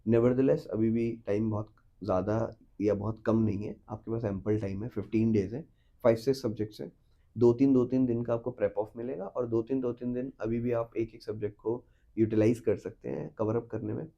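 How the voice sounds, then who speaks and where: Earnest teacher with dark, muffled tone. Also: male voice, mid-range voice, fairly even intonation, a little fast, gravelly. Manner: earnest, mixes English phrases into Hindi, repeats "trust me". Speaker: teacher, podcast guest. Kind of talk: advice in a podcast interview.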